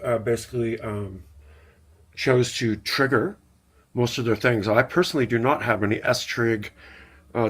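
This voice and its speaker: A man hosting a casual live synth show, talking in a rambling, laid-back way with many fillers and restarts. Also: mid-range voice. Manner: laid-back, a little profane.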